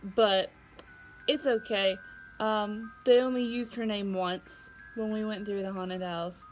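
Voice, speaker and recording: A woman's voice: mid-range voice, fairly even intonation, a little slow, soft background music, low-quality recording. A young woman vlogging casually, chatty and giggly, with many fillers and restarts. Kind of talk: casual vlog storytelling.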